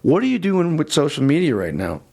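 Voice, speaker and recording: A man's voice: a little high, wildly swooping pitch, a little fast, vocal fry, a little mellow, breathy edge. A man hosting a casual interview, informal and inquisitive.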